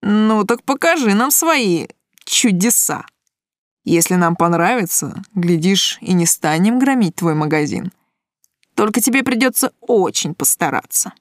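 A woman reading an audiobook voices a cocky young male thug who talks in a slow, sneering drawl. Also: medium pitch, lively intonation, dry recording, studio quality, natural voice.

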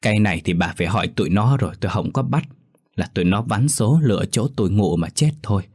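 A man's voice: lowish voice, expressive, fast, a little mellow, slightly rough, no echo, clean studio sound. A man voicing the resigned, sorrowful ghost of a dead mother in a ghost story. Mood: defensive. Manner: weary, resigned.

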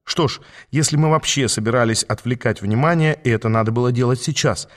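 A man reading a first-person fantasy audiobook in an even storytelling manner. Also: mid-range voice, fairly quick. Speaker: audiobook narrator.

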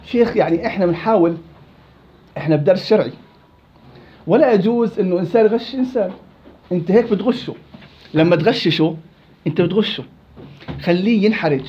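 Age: adult. Sex: man. Role: Quran recitation teacher. Pitch: high. Pace: fast. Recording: dull lo-fi. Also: slight background noise. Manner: lively, quizzing students by name. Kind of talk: classroom lesson with students. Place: indoor study circle.

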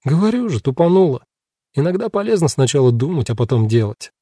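A man voicing a sharp-tongued, defiant young woman prisoner who snaps back sarcastically. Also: fairly high pitch, sing-song, a little fast, breathy edge, dry recording, clean studio sound, pitched above the performer's own voice. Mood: snappy. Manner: snapping, sarcastic.

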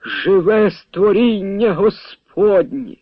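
A man's voice: a little high, expressive, a little slow, dry recording, muffled recording. A man voicing a pious, fussy old village priest who drawls out his words. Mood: exclaiming.

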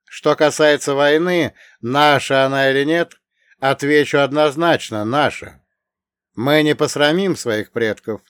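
A man's voice: on the high side, measured pace, a bit bright, clear, resonant tone, no room sound, clean studio sound. A man voicing a defiant military commander who speaks in firm, blunt declarations.

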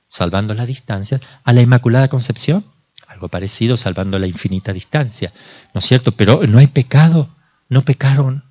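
A priest from Argentina giving an informal talk, mid-pitched, chatty, quizzing his listeners and acting out little exchanges. The recording sounds dull and lo-fi. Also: darkish tone. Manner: conversational, asks the audience questions, acts out dialogues.

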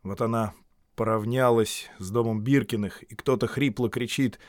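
A man's voice: mid-range voice, fairly even intonation, normal speed, a little mellow, dry recording. Man reading a story, dry close sound. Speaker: narrator. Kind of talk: audiobook literary narration.

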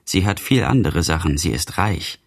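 A gentle, dreamy madman, read by a man confides his longings in a childlike way. The voice is low and husky. This is a storybook reading with a wistful manner. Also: lively intonation, normal speed, full character voice. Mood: confiding. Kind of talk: audiobook reading.

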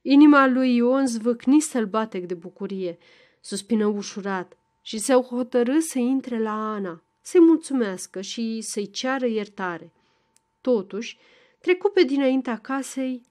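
A woman reading a classic novel aloud as a volunteer audiobook narrator, in a measured, even storytelling manner. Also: a little high.

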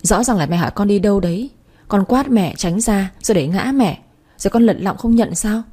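A woman's voice: medium pitch, fairly quick, warm tone, husky, close to an everyday voice. A woman reading as a sneering, scheming stepmother. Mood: falsely sweet. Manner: sneering, falsely sweet. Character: scheming spiteful young stepmother.

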